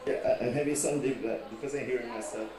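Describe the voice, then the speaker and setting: A man from Brazil, giving a halting presentation over a remote call whose line echoes back with feedback. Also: mid-range voice, steady tone, crowd noise. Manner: hesitant, many restarts and repeated words. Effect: echoey remote call line with audio feedback. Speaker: remote presenter at an online panel. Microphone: video call. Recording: distant echoey call audio with noise.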